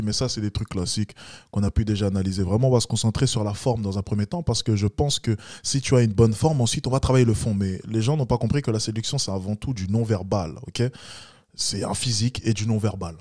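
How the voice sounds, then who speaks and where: A man's voice: steady tone, fast talker, warm tone, no room sound. Male dating coach, blunt and lecturing, dry close recording. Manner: blunt, lecturing, mocks with high-pitched imitations. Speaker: dating coach reacting to a street video. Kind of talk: reaction commentary.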